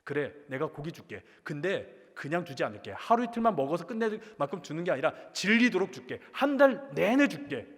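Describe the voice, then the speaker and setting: A man acting out God's voice, speaking slowly and assuredly in a lowered, measured tone. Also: sing-song, long reverb tail. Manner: slow, measured, low and assured. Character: God, a calm, mighty male voice promising.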